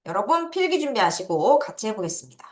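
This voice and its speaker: A woman teaching English words to children, drilling them slowly and laughing now and then. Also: on the high side, big pitch swings, a little mellow. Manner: slow, drawn-out drilling of words. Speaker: English tutor. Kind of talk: online vocabulary lesson for children. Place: classroom. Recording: echoey room.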